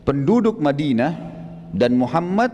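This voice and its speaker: A scheming rumor-monger cries out for help in frantic alarm, his pitch pushed up above a plain speaking voice, as a preacher acts him out. The shouts ring with a long hall reverb. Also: very animated, a little slow. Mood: urgent warning.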